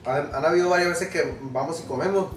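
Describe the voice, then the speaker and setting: A man's voice: on the high side, fairly quick, recorded from a distance. A young man co-hosting a casual vlog, laid-back and slangy, joking around. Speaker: co-host, boyfriend. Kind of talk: casual chat. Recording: echoey room, a bit off mic, faint music.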